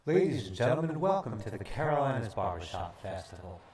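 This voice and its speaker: A man acting as master of ceremonies, announcing in a lively showman style. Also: fairly low pitch, a little fast, roomy sound, distant mic. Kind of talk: formal announcing.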